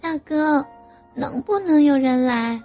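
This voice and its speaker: A woman's voice: high-pitched, slow, dark tone, faint music behind, pitched above the performer's own voice. A woman voicing a playful young adult younger sister with a coy, whiny teasing tone.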